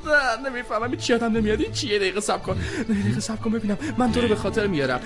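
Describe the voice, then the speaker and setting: An actor voicing a vain, self-absorbed young emperor turned into a llama, whiny and sarcastic, in an animated film dub. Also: male voice, high-pitched, lightly acted. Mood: panicked. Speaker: dubbing actor. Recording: film dub with music behind.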